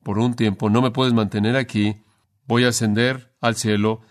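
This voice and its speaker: A man voicing the risen Jesus, speaking slowly, low and tenderly. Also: flat delivery, close to an everyday voice. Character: risen Jesus speaking gently to a grieving woman.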